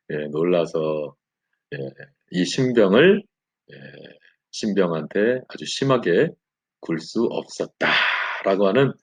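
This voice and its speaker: A man teaching a church Bible lesson, telling a story with animated delivery and frequent affirming fillers. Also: low voice, husky.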